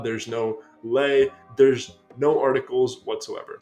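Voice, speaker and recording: A young American man in his twenties hosting a language-learning video, giving an upbeat scripted explainer and slowing down to stress key points. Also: medium pitch, a little mellow. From United States.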